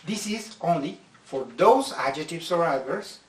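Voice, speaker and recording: English teacher, roomy distant sound. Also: male voice, a little high, expressive. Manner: slow, careful explanations, stretching out example words. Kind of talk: slide-based grammar lesson.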